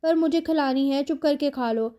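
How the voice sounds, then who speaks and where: A woman's voice: sits high, warm tone, lightly acted. A woman voicing a tearful, anxious young wife who scolds her sick husband, in a novel read aloud. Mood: angry. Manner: pleading, then scolding.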